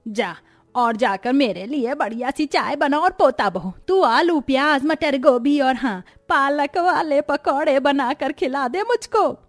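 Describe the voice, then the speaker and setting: A woman voicing a greedy, bossy old grandmother-in-law in an animated story, scolding and giving orders. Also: sits high, measured pace, soft background music, voice pushed up. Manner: commanding, scolding.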